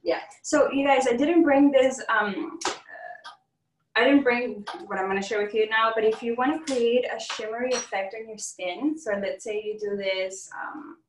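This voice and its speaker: A woman demonstrating a do-it-yourself oil blend in a casual class, chatty and quick to laugh. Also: fairly high pitch, background noise. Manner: chatty, laughs often, upbeat. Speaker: essential oils class host. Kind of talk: hands-on demonstration with chat. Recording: roomy, distant from the mic.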